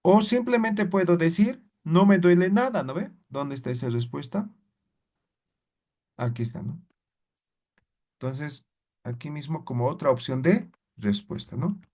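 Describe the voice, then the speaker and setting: A man teaching a class who explains patiently, repeats example words slowly and keeps checking in with short tag questions. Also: on the high side, animated, a little mellow. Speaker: language teacher.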